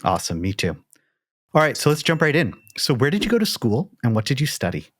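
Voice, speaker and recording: A man's voice: medium pitch, very animated, fast, a bit bright, no room sound. A man hosting a podcast, giving a scripted introduction and then asking interview questions in an upbeat, friendly way. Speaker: podcast host.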